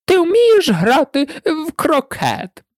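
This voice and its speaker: A woman voicing a furious, tyrannical female queen with a piercing, shrill voice, barking orders in an audiobook. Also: wildly swooping pitch, normal speed, no room sound, clean studio sound. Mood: commanding. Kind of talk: audiobook character voice.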